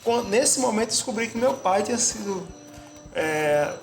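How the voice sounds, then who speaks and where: A man from Bahia with a Bahian accent, answering interview questions in a reflective, pausing way with frequent restarts. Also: high voice, expressive, gravelly. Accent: Bahian Portuguese. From Bahia, Brazil. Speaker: interviewed artist and musician. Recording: echoey room with music behind.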